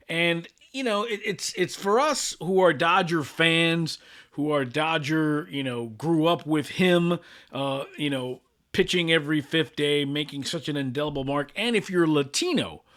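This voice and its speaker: A man's voice: on the high side, a bit bright. A middle-aged man from Los Angeles hosting a sports channel, talking through the news in a loose, conversational way with frequent fillers and restarts. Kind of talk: casual sports commentary.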